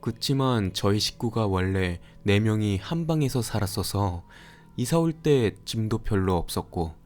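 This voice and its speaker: A man calmly narrating a scary story for a horror radio show. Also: on the low side. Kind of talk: scripted horror story reading.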